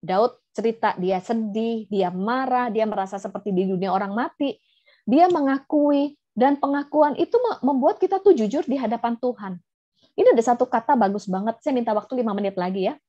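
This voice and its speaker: Woman pastor and counselor, conversational sermon, mellow tone, slightly muffled video call sound. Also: on the high side, a little fast. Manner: chatty, explains with acted everyday examples. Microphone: video call microphone.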